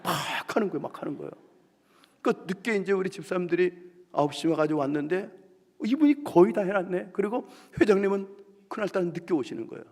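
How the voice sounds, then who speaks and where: A man preaching at a revival meeting, telling a story animatedly and acting out the people in it, dropping to hushed asides and rising to loud outbursts. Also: high-pitched, fast. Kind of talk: sermon with storytelling. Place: church sanctuary. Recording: long hall reverb in church.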